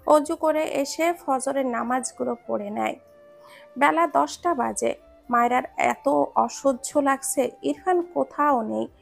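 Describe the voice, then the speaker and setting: A woman narrating a romance story in a steady storytelling manner. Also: a little high, gravelly.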